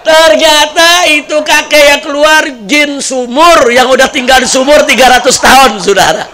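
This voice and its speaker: A man's voice: very high voice, normal speed. A man preaching, telling humorous stories and playfully addressing the congregation directly. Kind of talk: humorous sermon storytelling.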